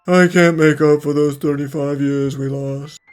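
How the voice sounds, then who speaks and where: A man's voice: fairly high pitch, steady tone, measured pace, clear, resonant tone, natural voice. A man playing an earnest, regretful older character in an anime-style fan dub. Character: earnest, regretful older friend, long estranged. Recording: voice over faint music.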